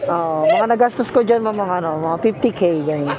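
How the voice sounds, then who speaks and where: A Filipino motorcycle taxi rider with a high voice chats casually at normal speed, playfully teasing his passenger over a helmet intercom outdoors. The recording is muffled, with a crowd, vehicles and street noise behind him.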